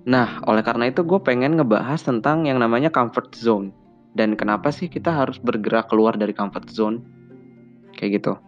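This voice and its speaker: A young podcast host from Bandung, West Java, Indonesia, tells casual personal stories at a brisk clip in chatty Jakarta slang, his middle-pitched voice leaping higher as he acts out childhood conversations. The recording sounds slightly dull, with soft music faint in the background.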